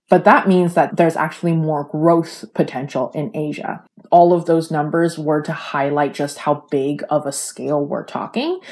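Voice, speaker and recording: A woman's voice: low-pitched, a little mellow. A young adult woman who grew up in Canada, hosting an unscripted video essay and rambling with many fillers and restarts. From China, raised in Canada.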